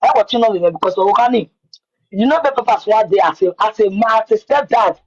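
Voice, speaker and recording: A woman's voice: medium pitch, a little fast, husky, highs cut off. A woman with a Nigerian accent tells her own story in Nigerian Pidgin, repeating words for emphasis. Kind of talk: personal account in conversation.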